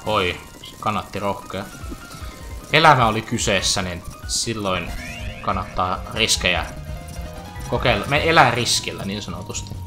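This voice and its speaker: A man's voice: on the low side, pauses often, bright, forceful tone. A man giving chatty, joking let's play commentary over a video game, with playful asides. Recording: faint game music behind.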